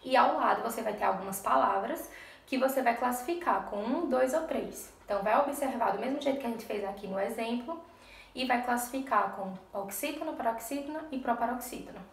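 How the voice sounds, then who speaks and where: A woman's voice: a little high, brisk, gravelly, roomy sound, recorded from a distance. A woman teaching a lesson to young children in a recorded remote class, patient and step by step, often checking in with the class. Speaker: primary school teacher.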